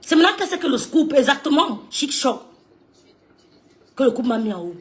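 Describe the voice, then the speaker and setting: A woman's voice: high-pitched, big pitch swings, fairly quick. A woman ranting on a live stream, scolding someone, repeating herself and laughing mid-sentence. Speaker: social media live streamer. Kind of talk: heated live-stream rant.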